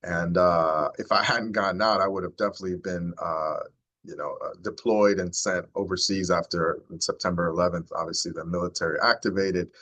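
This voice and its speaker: A man in his forties with a very deep, low voice talks to a neighborhood gathering as the county sheriff. His delivery is earnest and heartfelt, reflective and sincere as he addresses the community. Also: steady tone, a little fast, fairly bright tone. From United States. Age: 40s. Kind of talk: community talk to a neighborhood group.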